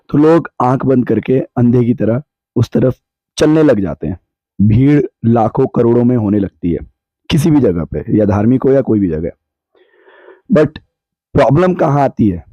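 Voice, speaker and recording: A man with a sore, hoarse throat, explaining his views on a podcast in a measured way that weighs both sides. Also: mid-range voice, expressive, no echo, muffled recording. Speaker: podcast guest answering questions. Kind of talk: reflective podcast discussion. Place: cold hill town, bundled up.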